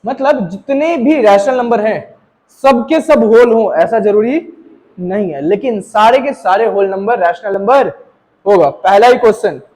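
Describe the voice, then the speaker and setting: A man's voice: high voice, measured pace, darkish tone, poor audio. A man teaching a maths class to students, talking to them directly, checking that they understand and mixing English maths terms into his Hindi. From India. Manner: talks to students directly, asking checking questions.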